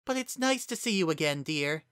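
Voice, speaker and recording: A narrator voicing a gentle, doting motherly female pony, lifted high above their usual voice. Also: expressive, normal speed, smooth, no echo, clean studio sound. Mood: fond.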